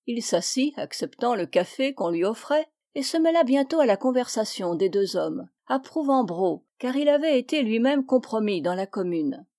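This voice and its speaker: A woman reads a classic tale aloud in a measured, expressive way. Her voice sits a little high. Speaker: reader. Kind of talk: literary reading aloud.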